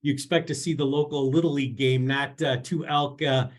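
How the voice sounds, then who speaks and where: A man's voice: mid-range voice, steady tone, fairly quick. A man hosting an interview podcast, asking questions in a friendly, upbeat way. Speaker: podcast host.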